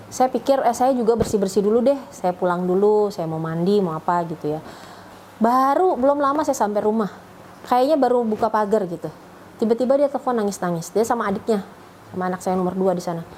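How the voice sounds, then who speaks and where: Middle-aged woman, emotional testimony, rambling and chatty, ordinary mid pitch, faint background hum. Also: expressive, brisk, a little mellow, poor audio. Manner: chatty, rambling storytelling with restarts and fillers.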